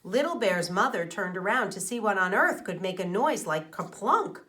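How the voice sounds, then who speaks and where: A woman teacher reads a children's storybook aloud in a medium-pitched voice at normal speed. She's expressive, explaining things to her young listeners and asking them questions.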